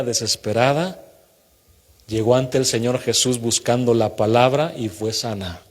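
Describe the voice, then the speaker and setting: A male pastor delivers a sermon, telling the story with dramatic emphasis and pitch that leaps on important words. His mid-range voice rings out with long reverb in a church hall. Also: darkish tone. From Mexico. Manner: dramatic retelling of scripture, rising emphatic pitch on key phrases.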